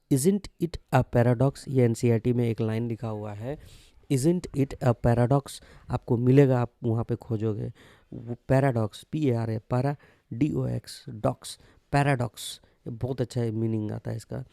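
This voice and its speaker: A man's voice: mid-range voice, warm tone, no room sound. A man teaching English vocabulary, spelling each word letter by letter and repeating its meaning. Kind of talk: vocabulary lesson.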